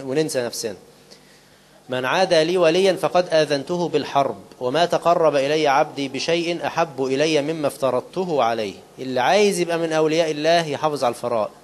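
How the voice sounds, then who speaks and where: A man with an Egyptian accent preaching a sermon in quick colloquial speech. He asks his listeners questions and answers them himself, and he slows down to recite quoted scripture. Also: a little high. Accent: Egyptian Arabic.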